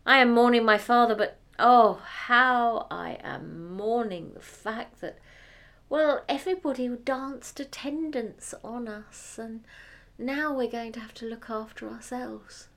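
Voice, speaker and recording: A woman's voice: fairly high pitch, slow, vocal fry, fairly bright tone, exaggerated voice. A woman storyteller voicing a pampered young princess who complains dramatically about her lot. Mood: self-pitying.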